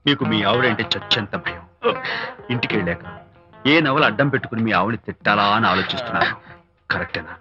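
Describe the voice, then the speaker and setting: A man's voice: lowish voice, brisk, close to an everyday voice. An actor playing a cheeky young man posing as a fortune teller, teasing and riddling. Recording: dull old film audio with music.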